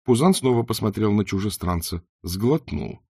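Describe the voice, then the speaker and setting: Husky, expressive male narrator. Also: on the low side, moderate pace, no echo, studio quality. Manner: expressive storytelling. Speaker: audiobook narrator. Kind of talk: scripted narration.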